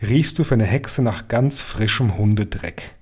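A man's voice: fairly low pitch, animated, a little slow, a little mellow, breathy edge. A man voicing a stern, knowing old grandmother who gives grave, matter-of-fact warnings in a storybook.

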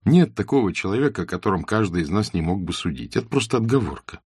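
A man voicing a shy, observant young woman in a classic novel audiobook, speaking softly and earnestly. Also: lowish voice, lively intonation, quick pace, slightly rough, dry recording, studio quality, voice pushed up. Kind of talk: audiobook character reading.

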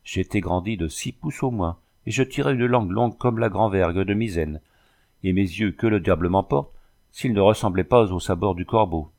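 A man's voice: low voice, moderate pace, darkish tone. A man voicing a boastful old Irish sailor in a storybook, swaggering and swearing as he tells his tale. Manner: swaggering, swears by thunder and the devil.

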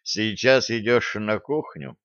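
A man voicing a gruff, sardonic male starship captain who gives bossy orders, in a dull lo-fi audiobook recording. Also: fairly low pitch, takes it slowly, a bit bright, dry recording. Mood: stern mocking. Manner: bossy, grumbling.

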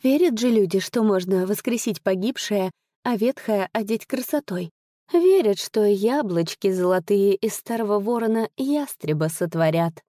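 A sardonic, worldly lady muses in a lilting, knowing voice, as a woman reading the tale plays her. The tone is mellow and warm. It is recorded dry and close. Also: medium pitch, lively intonation, moderate pace, no echo, close to an everyday voice. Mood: musing.

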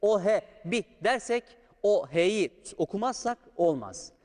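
The man teaching Quran recitation has a high, slightly mellow voice with lively intonation and a somewhat slow pace. Step by step, he patiently draws out the sounds to show how they should be pronounced, and the room gives a long hall reverb.

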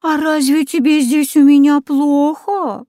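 Woman doing a sly old storybook witch, sugary coaxing, slow drawl, mellow tone. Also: sits high, little pitch movement, no echo, clean studio sound, pitched above the performer's own voice. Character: scheming old female forest witch. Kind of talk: storybook reading.

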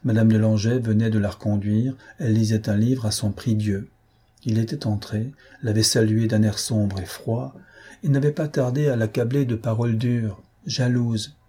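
A man narrating a novel as an audiobook reader, in a measured storytelling manner. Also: on the low side, fairly even intonation, mellow, breathy edge.

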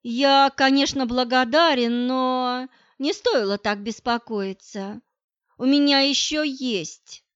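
Woman reading a grumbly grey-haired boss guy, curt and a bit flustered, kinda high, dry dull audiobook sound. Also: slow pace, fairly bright tone, clear, resonant tone, no room sound. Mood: gruff. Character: grey-haired middle-aged male official, gruff, flustered, boastful.

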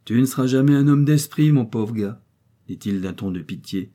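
A man voicing a sly, cheerful seventy-year-old miller who talks in a lively, mocking way. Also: medium pitch, moderate pace, close to an everyday voice.

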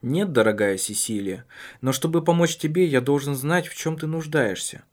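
Man voicing a calm, probing husband. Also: on the high side, lightly acted. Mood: earnest, probing. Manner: calm, measured and earnest.

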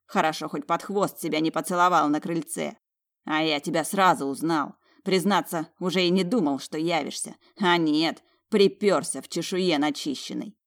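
A woman's voice: low-pitched, moderate pace. A woman reading an audiobook, voicing a battered, defiant young male mage who taunts and mocks his rival. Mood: mocking. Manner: mocking, taunting.

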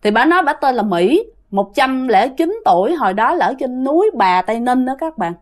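A woman with a Southern Vietnamese accent tells a ghost story in a chatty, conversational way. She talks straight to her listeners, in a voice a bit higher than most women's. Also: very animated, normal speed. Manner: chatty, addresses listeners directly. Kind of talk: casual ghost story narration.

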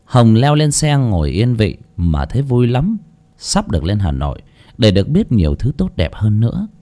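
A man narrating a story aloud with an expressive reading style. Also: lowish voice, moderate pace. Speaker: audiobook narrator. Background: faint background music.

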